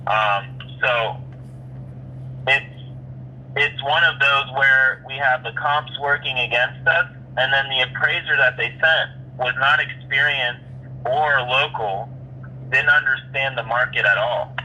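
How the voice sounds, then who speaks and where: A man's voice: mid-range voice, pushed and bright, lo-fi sound, a little hiss or hum. A man talking business in a phone conversation as a real estate agent, often restarting his phrases as he explains things.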